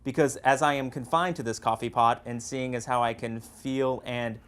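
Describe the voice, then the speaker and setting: An actor playing a flippant, wordy dead best friend haunting a coffee pot in a comedy drama. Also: male voice, medium pitch, fairly even intonation, normal speed, a bit bright, clear, resonant tone, natural voice. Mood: glib, explaining. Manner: flippant, chatty, theatrically wordy. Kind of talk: comedic audio-drama dialogue.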